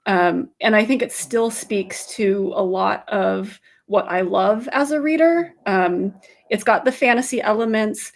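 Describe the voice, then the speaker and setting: A woman guest in a podcast interview, speaking thoughtfully and pausing often with fillers. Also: mid-range voice. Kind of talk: casual interview chat.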